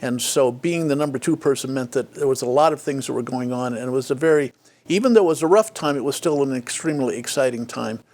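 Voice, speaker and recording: A man's voice: medium pitch, fast, darkish tone. An older man telling stories from his career in a reflective interview, with many restarts. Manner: frequent fillers and restarts, acts out quoted dialogue. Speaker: interview guest, former state official.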